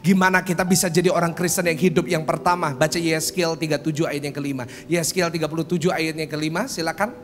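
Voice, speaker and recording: A male pastor preaches a humorous sermon at a church service, telling jokey stories and acting out quotes in an animated way. His voice is fairly high, and he speaks fast with few pauses. Guitar music plays underneath the sermon.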